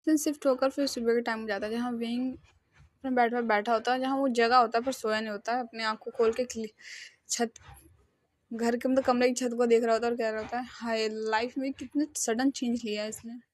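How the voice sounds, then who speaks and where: A woman's voice: a little high, flat delivery, brisk, no echo. A woman reading a fan fiction story aloud in a loose, conversational storytelling manner, recorded at home.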